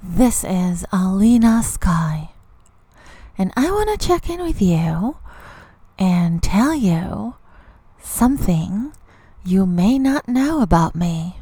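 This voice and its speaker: A woman's voice: mid-range voice, sing-song, mellow, breathy edge, no room sound. A woman reading a recorded phone-line ad in an intimate manner, often dropping into whispers. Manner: intimate, slow, drifting into whispers. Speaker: advertiser.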